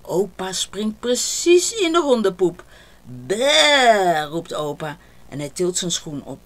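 A woman reading a children's picture book aloud, with slow, gentle, expressive narration. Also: on the low side. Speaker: storybook reader.

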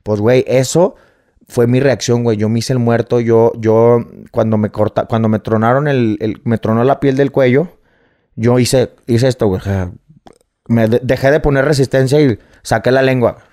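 A man's voice: medium pitch, steady tone, moderate pace, mellow. A man with a Mexican accent, a guest telling a personal story casually, swearing freely and peppering every phrase with slang.

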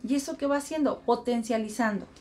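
A woman's voice: fairly high pitch, brisk, darkish tone, faint music behind. A middle-aged woman giving an earnest spiritual self-help talk, repeating mantras and acting out everyday inner voices.

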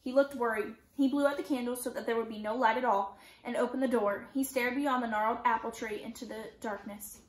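A woman teacher reads a novel aloud, keeping a steady, gentle storytelling pace. Her voice sits a little high. The recording has a roomy echo. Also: a little fast, few pauses.

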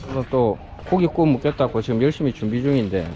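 A man's voice: mid-range voice, animated, fast talker, mellow. A middle-aged man from South Korea chatting casually as a vlogger, rambling and often muttering to himself. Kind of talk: casual vlog chat and narration. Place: busy rural family home in Cambodia. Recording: muffled, crowd chatter around.

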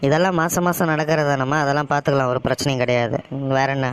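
A man's voice: mid-range voice, fast, slight background noise, close to an everyday voice. A man voicing a dismissive, easily panicked young office-worker son in a cartoon story, with a Tamil Nadu accent. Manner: dismissive, then panicky and whiny.

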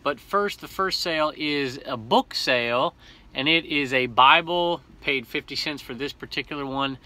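Chatty man with a bright voice. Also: a little high, normal speed. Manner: chatty, upbeat, rambling with self-corrections. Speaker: reseller vlogger. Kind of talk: casual haul vlog. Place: small cluttered home room full of collectibles.

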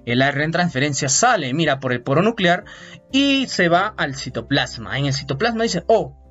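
A man teaching biology in a lively, playful lecture, quizzing students with mnemonics. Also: on the high side, normal speed. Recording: muffled audio with faint music.

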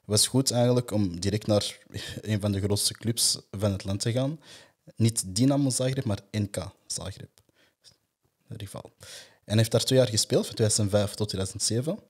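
A man, hosting a casual football podcast and reading player facts in a steady, matter-of-fact way. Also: fairly low pitch, moderate pace, breathy edge.

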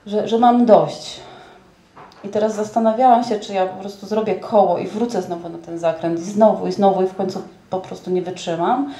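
A woman in her thirties talking reflectively about personal experience, in a halting, hesitant way. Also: medium pitch, mellow, slight background noise. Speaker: debut poet and author. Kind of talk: personal reflective interview talk.

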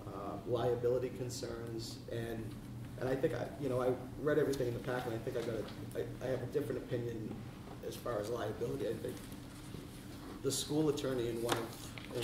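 Man, board member, even and methodical; distant roomy recording, steady hiss. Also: mid-range voice. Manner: measured, lays out points in turn. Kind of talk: meeting discussion. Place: meeting room. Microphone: far room mic. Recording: echoey, distant, hissy.

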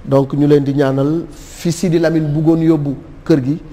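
A middle-aged man, a guest on a TV talk show, speaking in a measured, solemn way and mixing French with Wolof. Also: on the high side, little pitch movement, warm tone, long reverb tail. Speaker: studio guest. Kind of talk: formal tribute speech. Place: TV studio set.

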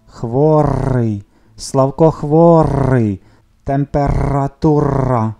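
A man voicing a clever, friendly grey parrot with a rattly, crackling voice that repeats words loudly. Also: mid-range voice, drawn-out words, vocal fry, voice pushed up, heavily acted. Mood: earnest. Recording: soft music behind the reading.

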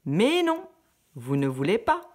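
A woman voicing a hardworking little red hen in a storybook reading, with high, emphatic exclamations. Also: huge pitch swings, measured pace, slightly rough, exaggerated voice. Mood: indignant.

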